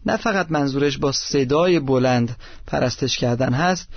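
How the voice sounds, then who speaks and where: A man teaching about worship in an earnest manner, pausing as he lists words. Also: mid-range voice, no room sound. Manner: earnest, listing words with pauses. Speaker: preacher. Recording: dry, dull lo-fi recording.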